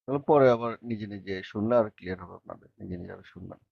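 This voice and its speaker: A man's voice: fairly low pitch, racing, gravelly, breathy edge, no room sound, highs cut off. A man teaching beginner French, explaining patiently and repeating phrases to check that students follow. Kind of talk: language lesson explaining in Bengali.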